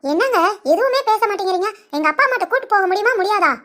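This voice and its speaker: A woman's voice: extremely high pitch, expressive, fast, fairly bright tone. A woman voicing an old woman who lost her memory and acts like a young girl, whiny and demanding. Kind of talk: cartoon voice acting.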